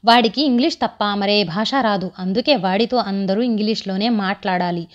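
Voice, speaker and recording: A woman storyteller reading a family story aloud with steady, expressive narration. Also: medium pitch, brisk. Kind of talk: scripted audio story narration. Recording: muffled lo-fi recording.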